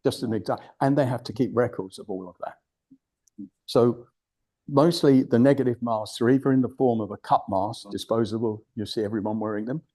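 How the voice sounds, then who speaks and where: An older man from the United Kingdom, speaking as a guest at a club, gives an informal presentation in a low, dark-toned voice. He's blunt and digressive, frequently restarting his sentences.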